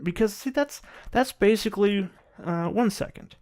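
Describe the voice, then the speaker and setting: Guy doing casual political commentary, kinda higher voice, rambles and restarts a lot, bit sarcastic. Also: a little mellow. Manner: rambling, halting delivery with repeated false starts. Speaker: political commentary video host.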